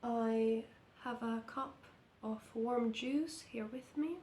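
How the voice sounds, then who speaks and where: A Finnish knitting vlogger, croaky and slow from illness, gives a casual update carefully and hesitantly. Her voice is warm and on the high side, heard in a roomy, lamp-lit indoor room with a little hiss or hum.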